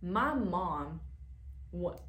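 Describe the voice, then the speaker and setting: A young woman telling a personal story straight to camera, animated and frank, swearing and calling viewers baby and child. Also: lowish voice, extremely slow. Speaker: vlogger. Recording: roomy room with faint noise.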